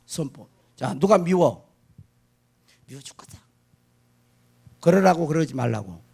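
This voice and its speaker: Male pastor, sermon delivery. High, husky voice, asks and answers his own questions, swings from quiet asides to loud proclamations. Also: lively intonation, measured pace. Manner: emphatic, asks the congregation questions and answers them; swings between hushed asides and shouted declarations.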